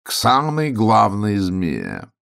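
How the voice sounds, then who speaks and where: A man voicing a pompous male rooster who speaks slowly and solemnly. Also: on the low side, wildly swooping pitch, gravelly, fairly bright tone, full character voice. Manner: slow, solemn, drawn out.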